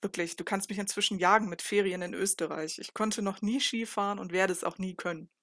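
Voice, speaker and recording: A woman's voice: medium pitch, fairly even intonation, a little fast, a bit bright, no room sound, studio quality, natural voice. A woman reading the lines of a young man in an audiobook, giving short, mumbled, blunt replies. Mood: sulky. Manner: terse, mumbled, shrugging replies. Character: young man, teen boy, shy and blunt.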